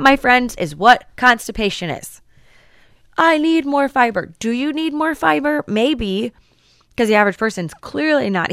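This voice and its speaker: A woman's voice: lowish voice, no echo, studio quality. A woman health practitioner talking casually about gut health, switching into put-on voices to act out her patients. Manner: animated, acts out patients' voices.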